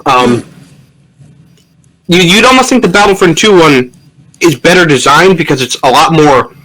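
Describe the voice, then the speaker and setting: A young man with a fairly high voice chats casually about games. His pitch swings freely as he talks, and his manner is animated and offhand. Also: moderate pace, low-quality recording. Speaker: guest. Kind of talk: casual gaming chat.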